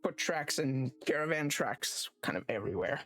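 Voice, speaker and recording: A man's voice: on the high side, expressive, fairly bright tone, faint music behind. A man running a tabletop game as game master, narrating with many fillers and restarts. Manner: halting, lots of fillers and restarts.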